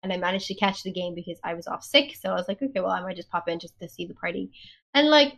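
A woman's voice: on the low side, quick pace, vocal fry, a bit bright. A woman co-hosting a casual podcast chat late at night, sleepy and yawning, gushing and giggly as she talks. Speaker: podcast co-host.

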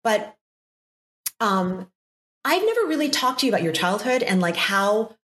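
A woman's voice: medium pitch, big pitch swings, normal speed. Effusive woman host, echoey room. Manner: warm and effusive, with lots of fillers. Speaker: podcast host. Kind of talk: casual interview conversation.

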